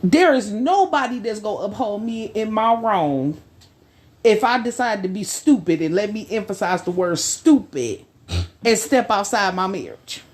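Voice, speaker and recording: A woman co-hosting a podcast discussion, speaking emphatically with a preaching cadence and slow, stressed phrases. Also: mid-range voice, lively intonation. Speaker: podcast co-host.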